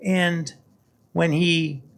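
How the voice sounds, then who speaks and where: Man, older, podcast guest, halting storyteller, repeats words. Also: a little high, fairly even intonation. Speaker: guest, former hurricane hunter pilot. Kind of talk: casual storytelling.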